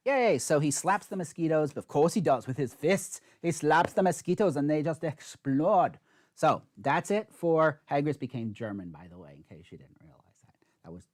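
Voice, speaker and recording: A man's voice: medium pitch, darkish tone. Man talking through a board game. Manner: explains rules step by step while playing; chatty, self-mocking asides. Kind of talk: solo board game playthrough.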